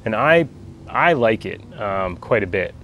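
An American man in his forties chatting casually outdoors in an easygoing, halting way, like a reviewer talking to camera. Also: fairly low pitch, lively intonation, lo-fi sound. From United States. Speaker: pipe tobacco reviewer. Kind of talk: casual video chat. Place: outdoors in a backyard garden. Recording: outdoor ambient background noise.

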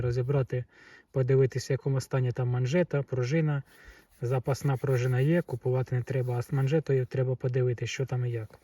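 A man's voice: mid-range voice, mellow, no echo. A man with a Ukrainian accent in a casual hands-on vlog, matter-of-factly testing an air pistol and reading out numbers. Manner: matter-of-fact, reads out chronograph numbers. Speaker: airgun vlogger. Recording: distant mic with noisy background.

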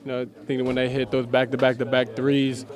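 A young man, a college basketball player, answering post-game questions haltingly with many fillers in a locker room. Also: mid-range voice, monotone, a crowd in the background. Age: young adult. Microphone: handheld mic held by interviewer.

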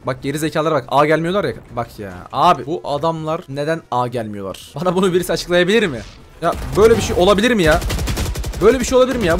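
A man giving live gameplay commentary as a gaming YouTuber, excitable and slangy, ranting at opponents and talking straight to his viewers. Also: on the high side. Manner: excitable, rants and banters at opponents.

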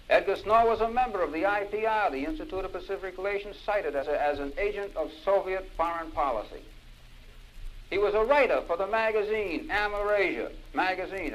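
A man's voice: a little high, a little hiss or hum, poor audio. Man lecturing on an old vinyl record. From United States. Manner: emphatic, repeats key phrases for stress. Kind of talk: impassioned political lecture.

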